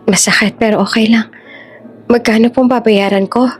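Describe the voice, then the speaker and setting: A woman voicing a weary, resilient young mother who speaks softly and tiredly. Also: fairly high pitch, fairly even intonation, normal speed, husky, soft background music. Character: Ella, weary young pregnant waitress, resilient.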